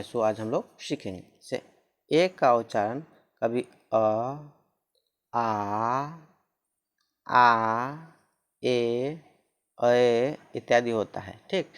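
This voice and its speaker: A male teacher explains pronunciation rules at an unhurried pace. He repeats each rule more than once and spells example words letter by letter. His voice sits at an ordinary middle pitch. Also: clear, resonant tone. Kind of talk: spoken lesson on pronunciation rules.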